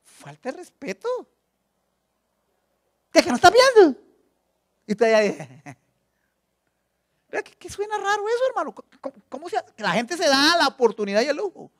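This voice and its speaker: A man's voice: extremely high pitch, very animated, fairly quick, a bit bright. Emphatic preacher man firing rhetorical questions. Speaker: pastor. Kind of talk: sermon. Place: church.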